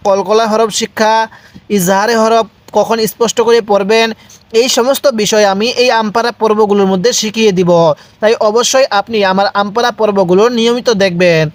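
High-voiced man teaching Quran recitation. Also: no room sound. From Bangladesh. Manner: spells out letters and vowel marks, then recites slowly and has viewers repeat; asks viewers questions, then answers them himself. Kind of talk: step-by-step recitation lesson.

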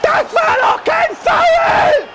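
A man performs a hot-tempered young male gamer on a livestream, shrieking in berserk rage. His very high voice swings wildly as he commentates on his football game. There is faint noise behind him. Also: sing-song, moderate pace, a bit bright, a faint crowd, heavily acted. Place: small wood-panelled room at home.

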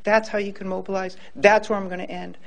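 A man's voice: sits high, little pitch movement, a little fast, gravelly, very noisy. A man in his fifties giving a public lecture and taking questions on a handheld microphone, earnest and emphatic, often repeating words as he starts a point. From Hawaii. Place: large lecture hall, indoors.

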